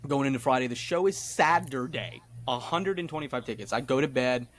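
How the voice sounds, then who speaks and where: A young man from Florida, a guest telling a story casually, animated and acting out the people in it. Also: medium pitch, fairly quick. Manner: animated, acts out voices in his stories. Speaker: guest, concert promoter.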